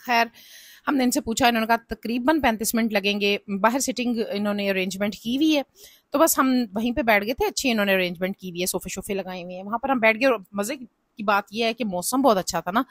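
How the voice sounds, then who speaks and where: A woman narrates her family vlog in a fairly high voice. She sounds chatty and gives advice. The recording is dry and close. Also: fairly quick, no echo. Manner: chatty and advice-giving, with frequent "na" and "janab". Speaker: family vlogger.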